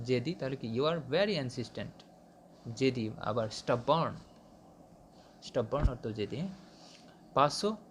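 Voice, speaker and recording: A man's voice: medium pitch, slight background noise. A Bangladeshi-accented man teaching English, reading word forms from a list, often restarting words and asking his students if they follow. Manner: halting, with frequent restarts and checking questions. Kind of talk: reading a vocabulary list aloud in a lesson.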